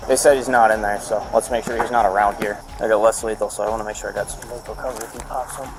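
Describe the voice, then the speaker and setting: A man's voice: on the low side, steady tone, fast talker, music in the background, rough recording. A male police officer giving procedural updates, heard on body cam audio.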